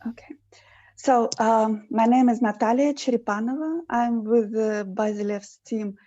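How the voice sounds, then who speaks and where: Russian-accented woman lawyer presenting over video call; slow, mellow, halting delivery. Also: on the high side, no room sound. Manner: hesitant, many fillers and restarts. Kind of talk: online presentation. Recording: muffled video call audio.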